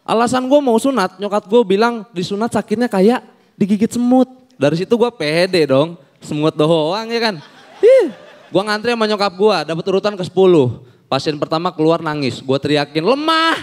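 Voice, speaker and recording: High-voiced young man. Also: fairly quick. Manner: animated storytelling, acts out quoted people. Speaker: stand-up comedian. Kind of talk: stand-up comedy set. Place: on a comedy stage before an audience.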